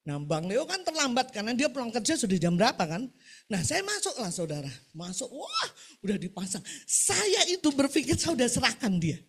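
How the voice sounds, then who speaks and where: Animated woman preaching with wide pitch swings. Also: brisk, husky. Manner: animated, swings between shouting exhortation and soft storytelling. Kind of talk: sermon. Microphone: video call.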